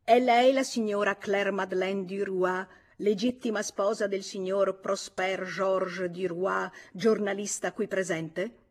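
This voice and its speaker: A woman's voice: mid-range voice, steady tone, slow pace, few pauses. A woman reading aloud, voicing a stern, formal male police commissioner in an audiobook. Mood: stern questioning. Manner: formal, authoritative, insistent.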